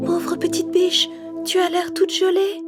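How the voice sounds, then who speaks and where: A woman's voice: extremely high pitch, little pitch movement, unhurried, music in the background, voice pushed up. A woman voicing a sweet, easily frightened little girl in a children's cartoon tale, with a pleading, earnest, childlike way of talking. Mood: gentle, pleading. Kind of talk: children's cartoon storybook acting.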